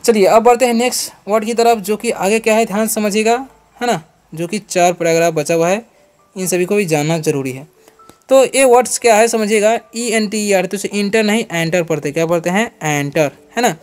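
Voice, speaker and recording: A man's voice: sits high, a little fast. A man teaching English words, spelling each one letter by letter and repeating every meaning as a drill. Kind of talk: phonics and vocabulary lesson.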